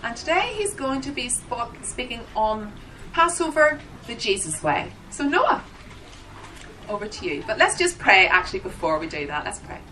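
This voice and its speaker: A woman's voice: on the high side, big pitch swings, moderate pace, pushed and bright. This is a woman giving a live interpreter voice, turning a signer's words into speech in real time. She speaks in the first person with small fillers and restarts. The recording is distant, with a faint hum of the room behind her. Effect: live interpreter voice, speaking aloud for a signer. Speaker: sign language interpreter. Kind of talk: live voicing of a signed church seminar. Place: large meeting room with an audience. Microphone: microphone at the front of the room.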